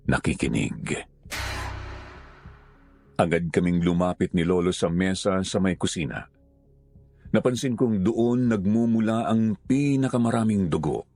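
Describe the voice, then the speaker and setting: A man narrating a scripted horror story in a slow, solemn, hushed way. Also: low-pitched, creaky, no room sound.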